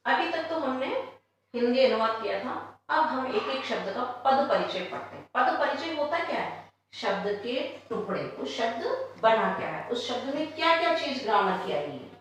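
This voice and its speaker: A woman teaching a Sanskrit lesson who reads each line slowly, then explains it and asks questions she answers herself. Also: a little high, very animated, fairly bright tone, roomy sound, slight background noise.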